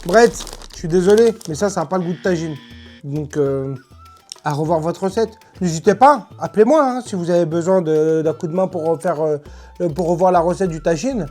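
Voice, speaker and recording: Low-pitched chatty woman, music behind. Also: a little fast, warm tone. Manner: chatty, colloquial, emphatic. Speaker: host of food tasting video. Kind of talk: casual tasting commentary.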